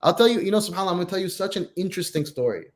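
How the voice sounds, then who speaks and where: Animated storytelling man, slightly high voice. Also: very fast. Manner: animated storytelling, repeats phrases for emphasis. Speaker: co-host, Islamic teacher. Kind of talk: casual religious chat.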